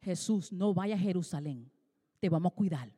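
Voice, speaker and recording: A woman pastor preaching an emphatic, dramatic sermon in a church, paused for an interpreter. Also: fairly low pitch, lively intonation, mellow, slightly rough. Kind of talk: bilingual sermon with live interpreter. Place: church sanctuary. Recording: long hall reverb.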